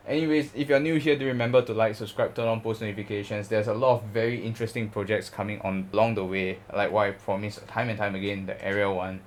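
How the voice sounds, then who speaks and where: Casting: male vlogger, Singaporean accent, lowish pitch, informal and rambling chat, noisy recording. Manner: rambling, informal, ends phrases with "lah". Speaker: video host, model bus collector. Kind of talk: casual chatty review vlog. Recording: clear background noise.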